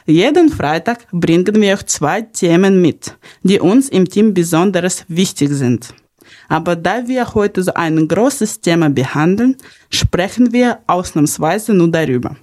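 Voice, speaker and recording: In a podcast with partly read narration, the young host from Ukraine speaks sincerely, now and then slipping slightly in her grammar. Her voice leans low and a bit mellow, expressive and delivered at a measured pace.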